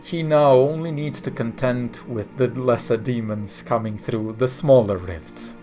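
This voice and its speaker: A man voicing a grave, wise ancient male archangel in a tabletop game, speaking slowly and formally. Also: mid-range voice, music in the background, voice pushed down, close to an everyday voice. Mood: solemn. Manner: solemn, slow and formal.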